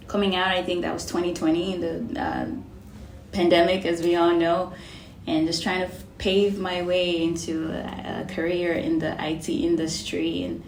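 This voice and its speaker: A woman in her twenties from Cameroon, answering interview questions in a measured way with fillers. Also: on the low side, roomy sound, a little hiss or hum, low-quality recording. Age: 20s. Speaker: guest.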